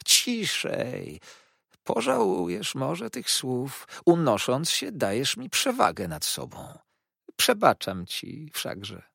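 Guy doing a sly sneaky clerk, high and slimy, slow soft wheedling, dry close sound. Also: huge pitch swings, vocal fry, husky, no room sound, exaggerated voice. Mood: oily. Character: sly fawning young male clerk, falsely humble.

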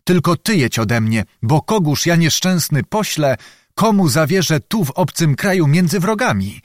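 Servant role: shrewd, unhurried young man, read by a male narrator, lifted, animated delivery in a dry booth. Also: on the high side, dry recording. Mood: sly. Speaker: storyteller within the tale.

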